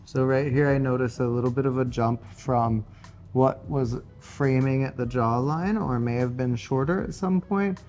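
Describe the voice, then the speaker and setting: A man working as a hairstylist, calmly explaining each technique step by step as he goes. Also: medium pitch. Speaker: hairstylist and makeup artist. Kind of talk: step-by-step tutorial narration.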